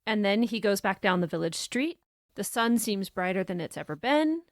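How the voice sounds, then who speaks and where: A woman's voice: mid-range voice, lively intonation, normal speed, no echo, clean studio sound. A woman co-hosting a podcast, talking through a short story in a thoughtful, casual way and reading quotes aloud. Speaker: podcast co-host. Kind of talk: casual book discussion.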